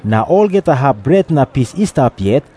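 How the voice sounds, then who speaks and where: A man's voice: medium pitch, very animated, normal speed, dark tone, breathy edge, soft background music. A man with a Papua New Guinean accent, reading scripture as a narrator. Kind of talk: scripted Bible narration in Tok Pisin.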